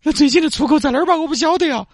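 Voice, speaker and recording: A man voicing a whiny, self-pitying woman truck driver who is stranded on the highway in a comedy skit. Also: racing, dry recording, studio quality. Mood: whiny, tearful. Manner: whiny, self-pitying wailing and dramatic complaints. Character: weepy, helpless woman trucker, middle-aged.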